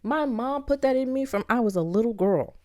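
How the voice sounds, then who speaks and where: A middle-aged woman from Barbados hosting a motivational podcast, talking in a lively, playful way and calling the listener "baby". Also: a little high, brisk. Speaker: podcast host.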